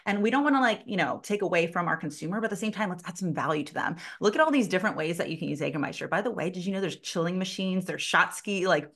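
A woman sales consultant telling a lively story in a casual interview, full of "like" fillers and casual swearing. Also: on the low side, fast, few pauses. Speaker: sales consultant and podcast guest.

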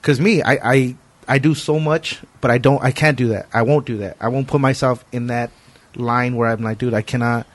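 A man's voice: medium pitch, steady tone, normal speed, no room sound. A man hosting a podcast, talking casually and earnestly in informal, slangy language. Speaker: podcast host. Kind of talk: casual conversation.

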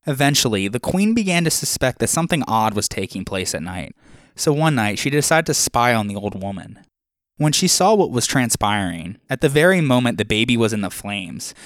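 A man hosting a podcast reads his scripted retelling of old myths in a steady storyteller's voice, dropping in small asides. His pitch sits mid-range for a man. The sound is dry and close, with no room around it. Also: dry recording. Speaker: podcast host.

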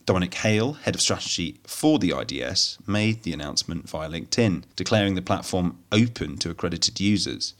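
Male news presenter, low-pitched, scripted read with a steady, measured cadence. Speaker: host of a technology news roundup.

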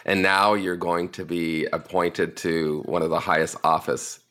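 A man's voice: low-pitched, little pitch movement, a little slow, a bit bright. A man hosting an interview show, asking his guest questions and laughing along with him.

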